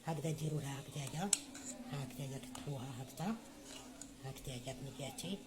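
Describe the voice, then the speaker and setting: Fast-talking motherly Algerian woman cooking. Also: a bass voice, heavy background noise. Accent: Algerian Arabic. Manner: chatty, motherly, addresses viewers as her children, frequent blessings. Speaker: home cook. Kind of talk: cooking tutorial.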